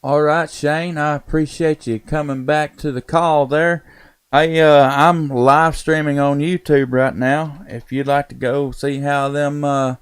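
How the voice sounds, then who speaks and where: The voice sits on the high side, clear and resonant, with a flat, unhurried delivery. It belongs to a Southern-accented man from Tennessee, an amateur radio operator and live streamer who talks in a casual, folksy manner.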